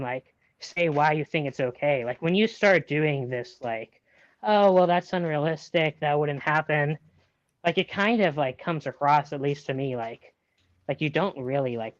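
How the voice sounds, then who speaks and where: A man's voice: on the high side, no echo, dull audio. A man in a casual debate chat on a stream, opinionated and exasperated, peppering his sentences with "like". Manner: filler-heavy, repeats "like", exasperated and opinionated.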